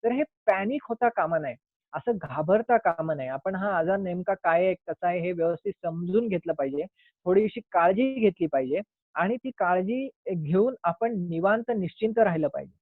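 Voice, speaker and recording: A man with a high, animated voice speaks at a moderate pace with no echo, over a tinny, phone-like line. He is a doctor giving an earnest, explanatory health talk, sometimes acting out little quoted scenes.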